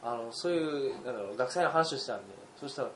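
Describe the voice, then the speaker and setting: A young man in his twenties co-hosting a casual podcast chat, an animated storyteller who laughs often and acts out the lines of the people in his stories. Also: mid-range voice, very fast. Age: 20s. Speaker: podcast co-host. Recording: roomy recording with faint background hiss.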